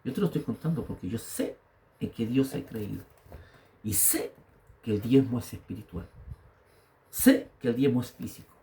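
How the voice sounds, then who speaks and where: A man's voice: mid-range voice, lively intonation, normal speed, long pauses, mellow, slight background noise. A man in his fifties with a Chilean accent, a pastor telling his own story in a sermon and building to emphatic exhortation. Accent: Chilean Spanish.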